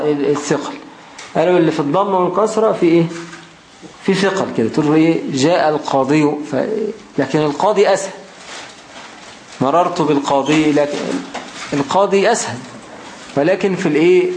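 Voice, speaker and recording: A man with an Egyptian Arabic accent explaining a grammar text. He reads it out slowly, then keeps asking rhetorical questions as he goes. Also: on the high side, a little mellow. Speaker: grammar teacher. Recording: roomy echo, faint background noise.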